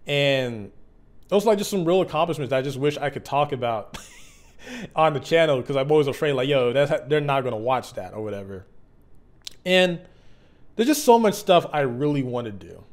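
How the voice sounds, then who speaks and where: A man in his mid twenties talking candidly and off the cuff as a video creator, earnest and reflective, halting and conversational with slang. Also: mid-range voice, animated. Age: mid 20s. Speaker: YouTube content creator. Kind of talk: candid, unscripted personal vlog.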